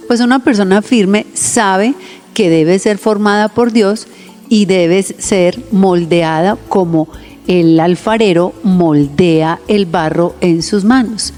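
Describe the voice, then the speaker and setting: Mellow-voiced woman radio preacher. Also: medium pitch. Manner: earnest, warm pastoral tone, often addresses listeners directly. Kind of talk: radio sermon addressing listeners. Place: radio studio.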